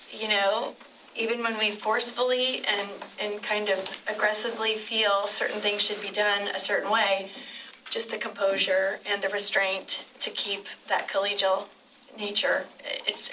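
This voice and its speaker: A middle-aged woman city commissioner giving an unscripted, emotional tribute at a public meeting, halting and digressive with many restarts. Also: mid-range voice, pushed and bright. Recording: distant mic with clear room noise.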